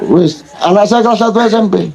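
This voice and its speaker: A man's voice: high-pitched, brisk, vocal fry, a crowd in the background, noisy background. A man with a Javanese accent giving an informal religious-cultural talk to an audience, telling stories animatedly, joking and mimicking others. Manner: animated storytelling, mixing in Javanese words. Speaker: speaker addressing an audience.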